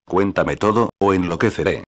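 A stern, vengeful ship captain speaks in a deep, low voice, read by a man. He makes commanding demands in a storybook reading. The sound is dry and close. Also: moderate pace, no room sound.

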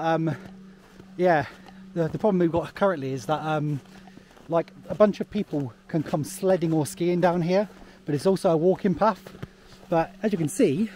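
Hiking along a snowy path, this man talks into a camera held out at arm's length, rambling casually with plenty of fillers and frequent laughter. He's a travel vlogger with a slightly high, warm voice, and a little hiss or hum sits under the recording.

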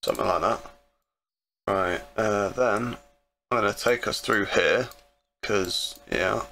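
A young gaming channel host sits at a desk in a home room, rambling easygoingly through a driving game while chatting with friends and swearing casually. His fairly low, gravelly voice is fairly bright and unhurried, with slight background noise.

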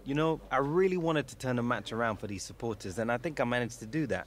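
A man's voice: mid-range voice, a crowd in the background, close to an everyday voice. A man voicing a young male footballer in a video game, upbeat and confident in a post-match interview. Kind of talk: scripted game dialogue.

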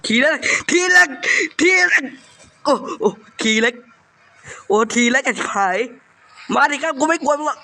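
A young man with a cold and a runny nose, giving loud, profane commentary on a horror game, swearing and yelling at the ghosts. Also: very high-pitched, lively intonation, measured pace, creaky. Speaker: gaming YouTuber playing a horror game. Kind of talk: profane live gameplay commentary.

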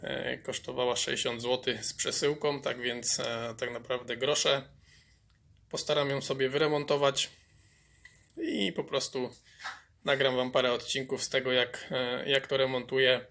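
A man's voice: medium pitch, steady tone, a little slow, gravelly, bright, forceful tone. A man restoring an old chainsaw on his workshop bench, explaining each fault as he goes, with many fillers and repeated words. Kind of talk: workshop repair commentary.

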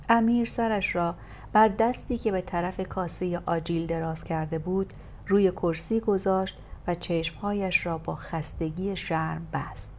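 A woman reading a novel aloud as an audiobook narrator, steady and expressive. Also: on the low side, slight background noise.

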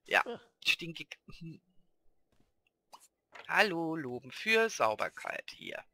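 A man's voice: a little high, big pitch swings, takes it slowly, bright, forceful tone. A man hosting a casual Let's Play, chatting and talking fondly to the characters on screen. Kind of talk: casual gameplay commentary.

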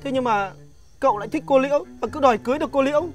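A frightened servant begs and pleads in a high voice, played by a woman. She speaks in a hurried, pleading way over faint music in this comedy film. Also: darkish tone, natural voice. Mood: explaining.

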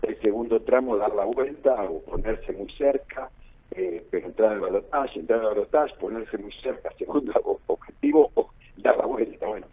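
Speaking at a moderate pace in an animated, slightly rough, low-leaning voice, an Argentine-accented man analyzes politics for a radio interview. He repeats phrases to stress his points, heard over a muffled, narrow phone-like line.

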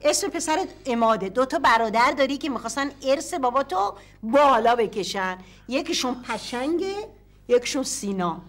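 A bossy fortune teller. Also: female voice, high voice, animated, a bit bright. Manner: domineering, fast-talking. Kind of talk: sitcom acting.

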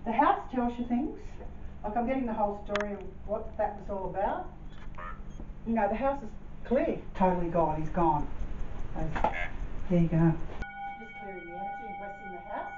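A woman's voice: medium pitch, normal speed, a little mellow. A woman, a medium leading a spirit rescue, talking in a soothing, coaxing way and repeating herself. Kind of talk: live commentary during a house clearing. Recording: echoey room, far from a dull mic, faint hiss.

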